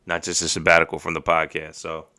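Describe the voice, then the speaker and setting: A man's voice: a bass voice, completely flat delivery, fast, sharp tone. A man hosting a podcast on a live stream, chatting casually in a rambling, profane and emotional way. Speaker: podcast host.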